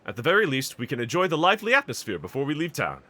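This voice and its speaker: Man acting bright, earnest demon slayer Rengoku. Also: fairly high pitch, wildly swooping pitch, very fast, exaggerated voice. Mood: upbeat, dutiful. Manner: formal, courteous, earnest diction. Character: bold, earnest male demon slayer swordsman, hearty and reassuring. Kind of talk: anime audio roleplay acting.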